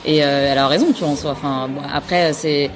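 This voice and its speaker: A woman's voice: deep voice, fairly even intonation, fast, over music. A woman who was born in France, a podcast guest, talks casually and thoughtfully with many fillers and restarts. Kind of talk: casual conversation.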